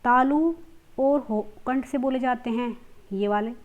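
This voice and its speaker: A woman teaching a grammar lesson, sounding out letters slowly and asking questions she then answers herself. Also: a little high, phone-quality sound. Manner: explains step by step, repeats letter sounds slowly, asks and answers her own questions.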